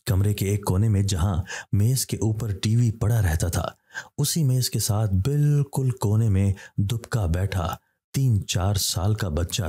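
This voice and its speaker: A man's voice: lowish voice, mellow, slightly rough. A man narrating a scripted horror story, speaking steadily and voicing each character in his own plain voice.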